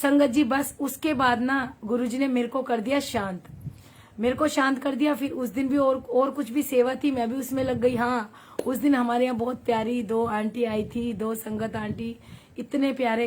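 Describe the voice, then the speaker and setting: A woman from Haryana hosts a devotional satsang, her voice sitting a little high as she chats easily with her viewers. She moves between a story and their comments, laughing often. There is a faint hiss under her voice from the phone stream. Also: steady tone, normal speed. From Haryana, India. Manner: chatty, warm, laughs often, reads viewer comments aloud. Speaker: satsang leader on a livestream. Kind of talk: devotional storytelling and live chat.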